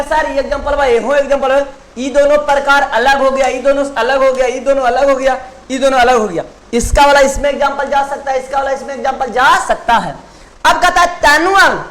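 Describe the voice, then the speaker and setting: A man's voice: extremely high pitch, fairly bright tone. A man teaching a lesson in Bihari-accented Hindi, quizzing the class and repeating each question before answering it himself. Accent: Bihari, Bhojpuri-tinged Hindi.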